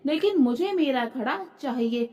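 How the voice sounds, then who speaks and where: Storybook role: a quick-tempered, scheming young village woman, read by a woman, scolding in a high, unhurried voice. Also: animated, dull audio. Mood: angry. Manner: shouting, scolding.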